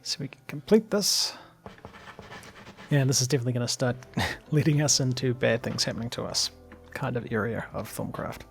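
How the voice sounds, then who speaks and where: Male let's player, a little hoarse, gravelly and relaxed, casual commentary over quiet music. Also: medium pitch, normal speed. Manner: chatty, thinks aloud with fillers and small laughs. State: slightly hoarse. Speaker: let's play gamer.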